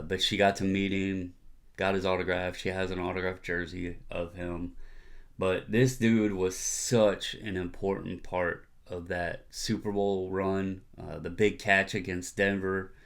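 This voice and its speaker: A middle-aged man with a fairly low voice speaks as the host of a hobby video. His delivery is a casual, opinionated monologue. He comes across as earnest and emphatic, using everyday colloquial phrasing.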